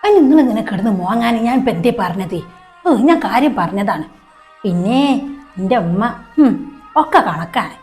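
A woman's voice: medium pitch, animated, normal speed, darkish tone, faint music behind, lightly acted. A woman playing a resentful young married daughter in a short skit, with a Malappuram accent, curt and dismissive. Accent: Malappuram Malayalam. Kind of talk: short-film skit acting.

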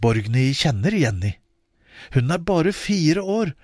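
A man narrating a children's audiobook expressively, with wide swings in pitch. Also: very animated, a little mellow, dry recording, studio quality.

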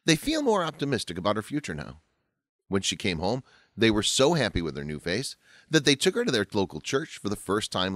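Lively low-voiced male narrator, dry sound. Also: no echo. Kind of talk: scripted narration.

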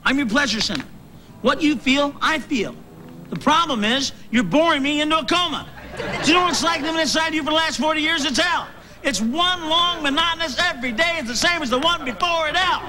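An actor playing a tiny, rude, lecherous alter ego who heckles and wisecracks in a sitcom. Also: male voice, very high voice, expressive, brisk, crowd noise. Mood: mocking. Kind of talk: sitcom acting. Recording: sitcom audio with loud studio audience laughter.

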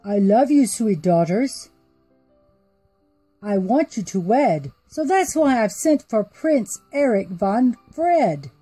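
A woman's voice: on the high side, sing-song, takes it slowly, mellow, slightly rough, soft background music, exaggerated voice, rough recording. A woman doing a fretful old king. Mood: fond. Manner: fussing, fatherly.

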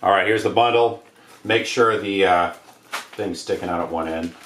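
A deep, fairly bright male voice at normal speed belongs to an American DIY homesteader around his forties, rambling slangily and offhandedly through a casual hands-on demo. He's indoors in a living room by a wood stove, where the sound echoes and handled objects clatter.

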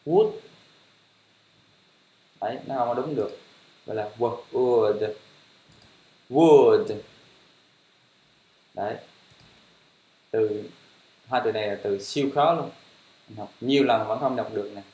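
A man drills English pronunciation, saying each word several times in a patient, encouraging way. His lowish, slightly mellow voice moves at a moderate pace with frequent pauses, and the room has a roomy echo.

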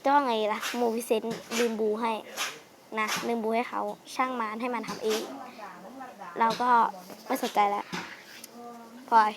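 A young woman with a fairly high, fairly even voice casually chats while playing a computer game, speaking a little slowly with frequent pauses into a headset mic close to her mouth. The game channel host rambles playfully, using polite sentence endings, over a noisy background.

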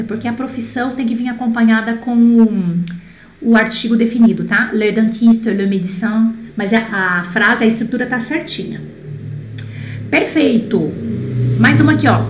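A woman with a fairly high voice teaches French in a chatty live lesson, reading out students' sentences and correcting them. She slows down to model each word. Her voice rings in an echoey room with a faint hiss behind it. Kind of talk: live online language lesson.

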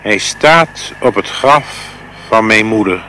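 A man's voice: lowish voice, lively intonation, slow, bright, forceful tone, a little hiss or hum, heavily acted. A man voicing a bashful, tender-hearted old king in a fairy tale. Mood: soft, shy.

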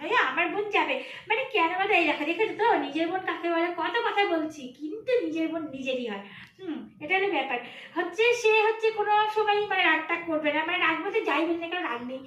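Speaking to her viewers in a casual vlog, a woman chats in a very high, quick voice with a bright, sharp tone. She is animated, scolding and teasing them by turns, and the audio echoes as if in a roomy space.

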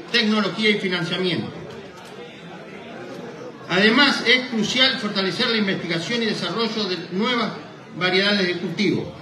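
His voice sits high, bright and forceful as this middle-aged Argentine man reads a formal Spanish speech at a microphone, stumbling now and then. He is president of a rural association, speaking from a lectern in an indoor hall. Sound reaches a boom-stand mic from afar, echoing through the hall PA.

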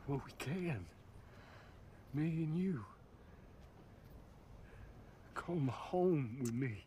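A man's voice: mid-range voice, lively intonation, slow, mellow, a little hiss or hum. An actor playing an intense, wounded young country man, making an emotional, insistent confession in a film drama. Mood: impassioned confession. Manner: emotional, insistent confession, repeating himself emphatically.

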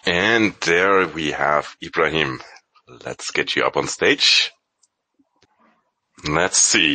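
A man hosting a casual online audio chat, relaxed and friendly, talking with some fillers. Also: low-pitched, dry recording. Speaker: host.

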